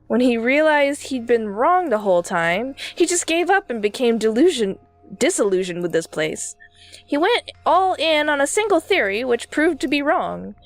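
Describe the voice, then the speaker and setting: A woman's voice: high-pitched, very animated, moderate pace, no room sound, faint music behind. A woman reading game dialogue aloud, voicing a baby character as a world-weary old man who rambles through his stories.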